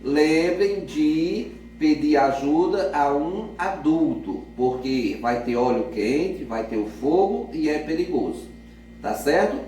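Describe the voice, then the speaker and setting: A man's voice: a little high, lively intonation, slow pace, mellow, a little hiss or hum. A man giving a recorded lesson to children, speaking patiently and checking in with frequent tag questions. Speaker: teacher.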